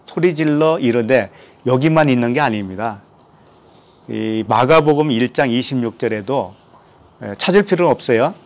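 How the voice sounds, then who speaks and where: A man from Korea preaches a sermon in a medium-pitched voice. As a pastor, he reads scripture aloud and questions his listeners. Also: expressive, moderate pace, a little mellow.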